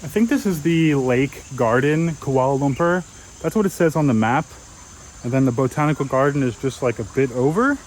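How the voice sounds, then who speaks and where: A man's voice: medium pitch, moderate pace, a little hiss or hum, rough recording. Rambling young man vlogging in a park. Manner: rambling, musing, many fillers and restarts. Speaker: travel vlogger. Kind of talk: casual walking vlog. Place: outdoor city park.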